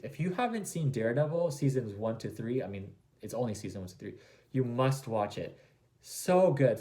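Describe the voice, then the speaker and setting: A man's voice: medium pitch, warm tone. A man giving casual, gushing fan commentary as a video host, rambling along with plenty of fillers. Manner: enthusiastic, gushing.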